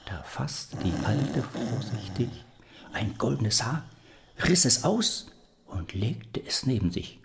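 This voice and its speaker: A man reads a fairy tale aloud, slow and unhurried, with a low, gravelly voice. His delivery is expressive, and his pitch moves lively across each sentence. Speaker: storyteller.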